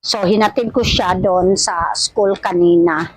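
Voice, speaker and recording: A Filipino woman with missing front teeth chatting casually to her vlog viewers, halting and often repeating her words. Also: lowish voice, fairly even intonation, a crowd in the background, rough recording. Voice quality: speech of someone with missing front teeth, wearing old dentures. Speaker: vlogger. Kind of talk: casual rambling vlog chat addressed to viewers.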